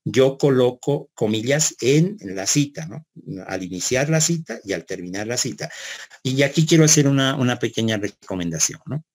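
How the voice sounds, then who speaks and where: A university lecturer with a mid-range, slightly mellow voice teaches his class at a moderate pace and with plenty of animation. He explains things step by step, repeats words, keeps checking in with "¿no?", and asks his students questions.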